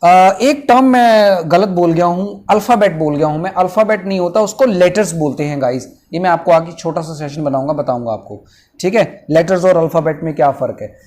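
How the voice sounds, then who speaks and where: A young man with an Indian accent teaching English vocabulary in an online lesson, slowly splitting long words into syllables with many fillers. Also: sits high, darkish tone. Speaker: English teacher for exam prep.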